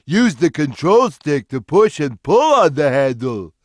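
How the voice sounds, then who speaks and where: A man voicing a big, gentle, simple-minded cartoon cat who explains things slowly and plainly, as a video game character. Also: fairly high pitch, sing-song, no room sound, studio quality. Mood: friendly, earnest. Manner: slow, simple, deliberate instructional delivery. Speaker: video game character giving tutorial hints. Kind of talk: scripted game tutorial voice lines.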